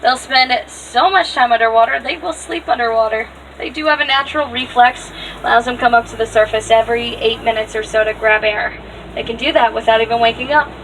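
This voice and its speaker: A woman's voice: on the high side, a little fast, a bit bright. A woman giving live, upbeat tour commentary as a safari guide. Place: outdoors on a moving safari ride vehicle. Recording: distant mic, noisy open vehicle with passengers.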